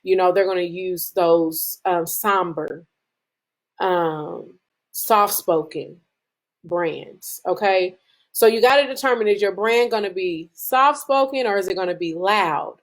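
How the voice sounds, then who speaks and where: A woman giving a casual branding lesson to a group, talking conversationally with frequent fillers and restarts, speeding up when excited. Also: on the low side. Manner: speeds up and slows down as she gets excited. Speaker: business branding presenter. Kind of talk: casual teaching talk to a group.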